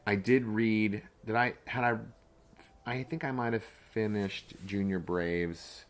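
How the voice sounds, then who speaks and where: A man's voice: fairly low pitch, slow. A man co-hosting a podcast in a casual, rambling chat, full of fillers and restarts. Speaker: podcast co-host and game master.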